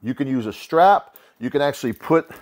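In his home garage gym, a lifter in his thirties explains a homemade cable pulley setup he built. He speaks loosely and rambles, full of "uh" and restarts, in a medium-pitched, expressive, brisk voice. A camera a few steps away records him indoors.

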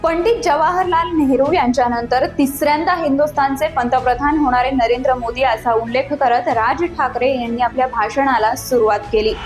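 Woman, news presenter, high voice, emphatic headline delivery, scripted narration, music bed behind. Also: normal speed, hardly any pauses.

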